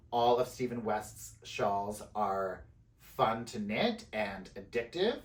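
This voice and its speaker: A man vlogging casually to camera, chatty and rambling, with frequent fillers and small laughs. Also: mid-range voice. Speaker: knitting vlogger. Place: indoors, away from home.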